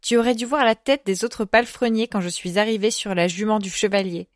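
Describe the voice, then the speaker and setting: A woman voicing a spirited young girl who works in the stables, pleading and scolding in quick bursts. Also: medium pitch, a little mellow, no echo, studio quality, lightly acted. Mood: worried.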